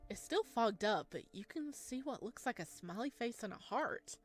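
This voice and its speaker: A woman narrates a creepy horror visual novel in a solemn, suspenseful way, slow and hushed, creating an uneasy mood. Her voice is fairly high with lively intonation, and music plays behind her.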